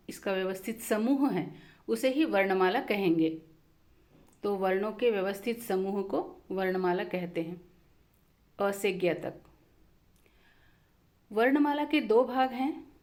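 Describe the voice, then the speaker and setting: A woman teaching a language lesson, repeating definitions slowly and mixing in English terms. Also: medium pitch, darkish tone. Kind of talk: slow explanatory lesson.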